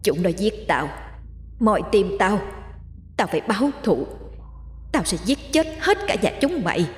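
A woman's voice: medium pitch, sing-song, measured pace, echoey room, in a large hall. A woman voicing a vengeful female ghost in a possessed young wife, hissing hateful threats.

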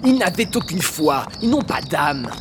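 An actor playing a calm, unctuous male cult preacher who talks of sacrifice as gentle welcome. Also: fairly high pitch, measured pace. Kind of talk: amateur audio drama acting. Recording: noisy outdoor ambience.

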